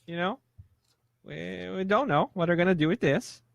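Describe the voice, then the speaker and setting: A man's voice: high voice, moderate pace, gravelly, dry recording, highs cut off. A man co-commentating a live esports match, analyzing hesitantly with many fillers. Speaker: esports co-caster.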